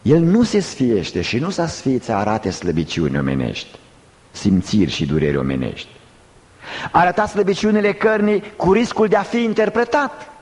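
A man preaching in a church, his fairly high voice rising and falling with great animation. He moves between loud bursts and slow, hushed phrases and turns often to his listeners with questions. A long reverb trails every phrase through the large hall. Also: huge pitch swings. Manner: asks the congregation rhetorical questions. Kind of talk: sermon.

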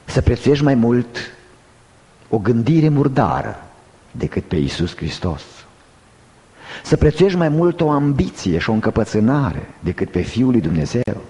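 A man preaching a sermon with emphasis, swinging between loud, high outbursts and slow, hushed phrases and putting rhetorical questions to his listeners. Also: expressive. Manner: asks the congregation rhetorical questions. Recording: long reverb of a large hall.

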